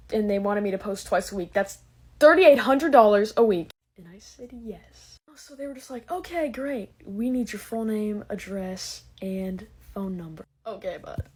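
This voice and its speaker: A young American woman telling personal stories as a casual comedic rant, exaggerated and animated, acting out what people said. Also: mid-range voice, slightly rough. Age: teens to young adult. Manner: animated, exaggerated, acts out quotes. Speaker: social media creator telling personal rants.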